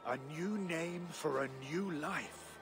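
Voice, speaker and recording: Guthrum, a gentle old Viking king. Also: a little high, over music. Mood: calm. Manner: slow, gentle, laughs often. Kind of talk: video game cutscene acting.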